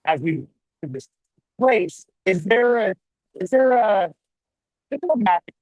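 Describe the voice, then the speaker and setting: A man hosting a remote interview, gently restarting and rephrasing his questions while a weak connection chops off the ends of his words. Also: high voice, very animated, measured pace, no room sound, lo-fi sound. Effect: choppy connection cutting out word endings. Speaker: podcast host. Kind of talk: remote video-call interview.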